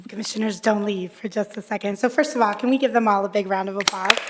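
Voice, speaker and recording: A woman's voice: mid-range voice, steady tone, fast talker, heavy background noise. A woman council member presiding at a meeting, speaking off the cuff in a conversational way with some fillers. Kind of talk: unscripted meeting remarks. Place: council chamber.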